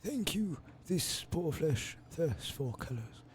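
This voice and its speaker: Frail ancient bandaged creature, high breathy halting voice, voiced by a man, game playthrough. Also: sing-song, darkish tone, a little hiss or hum. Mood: frail pleading. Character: frail ancient bandaged mummy-like curator, whispery.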